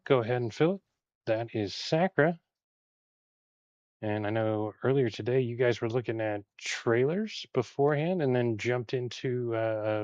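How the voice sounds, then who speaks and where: This man from Texas has a mid-range voice and talks in a relaxed, rambling way full of fillers while he builds Lego on a live stream. Audio is dull, without any room sound.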